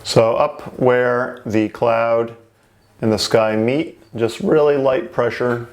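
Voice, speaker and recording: A man's voice: medium pitch, fairly even intonation, slow pace. A man giving an informal painting lesson in the manner of a TV painting instructor, talking through each step as he works. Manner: informal, narrates each step while working.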